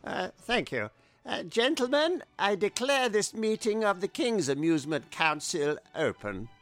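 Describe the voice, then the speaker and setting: A man's voice: sits high, sing-song, measured pace, a bit bright, faint music behind, heavily acted. A man voicing a polite, officious male chairman running an old royal council meeting. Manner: throat-clearing, formal.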